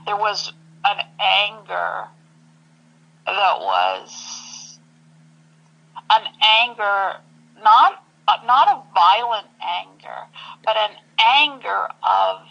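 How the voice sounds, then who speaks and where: A woman telling her personal story in an interview, halting and searching for words. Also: mid-range voice, gravelly, bright, forceful tone, highs cut off. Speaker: interview guest.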